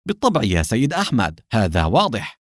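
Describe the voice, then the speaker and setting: A man playing a smug, sly gentleman. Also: fairly low pitch, wildly swooping pitch, quick pace, no room sound, clean studio sound. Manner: smooth, smug, coldly polite. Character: smug, sly older male collector and official.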